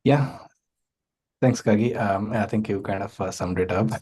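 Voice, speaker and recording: A guest speaker gives a conference talk over a video call, his delivery loose and packed with filler sounds and tag questions. He has a lowish, darkish voice at a moderate pace, with slight background noise.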